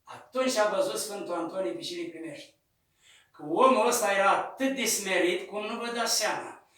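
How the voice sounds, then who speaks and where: A male Orthodox priest telling a saint's story in a sermon, acting out the voices and shouting at the peaks. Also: sits high. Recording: echoey room, distant mic.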